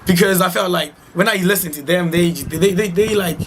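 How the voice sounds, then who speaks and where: A man's voice: high-pitched, normal speed. A young man from Zimbabwe, a local hip-hop artist, talking casually and rambling in a radio interview. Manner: laid-back, rambling, heavy with "like" and slang. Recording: faint background noise.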